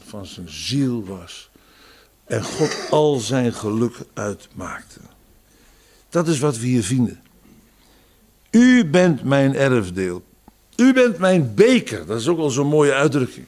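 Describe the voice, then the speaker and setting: A man with a medium-pitched voice preaches a sermon, quoting psalms and scripture, his raised emphasis falling away into quiet phrases.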